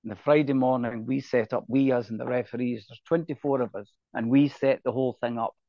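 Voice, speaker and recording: A man's voice: medium pitch, fairly even intonation, a little fast, no room sound. An older man with a Scottish accent, chatting casually and anecdotally as a guest in an interview. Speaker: podcast guest, rugby referee. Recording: dull, lo-fi, dry sound.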